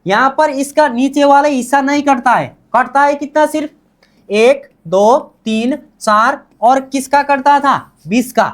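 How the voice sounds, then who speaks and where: A woman's voice: sits high, unhurried. A woman teaching a language lesson, asking the same questions again and drilling the answers back, the way a classroom teacher does.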